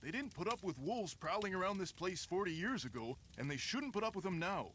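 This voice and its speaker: A boastful Canadian construction worker. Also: male voice, high voice, very animated, a little fast, fairly bright tone, a little hiss or hum. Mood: gruff. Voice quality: boastful, gruff and folksy. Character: folksy middle-aged male construction worker, lodge guest. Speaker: game character.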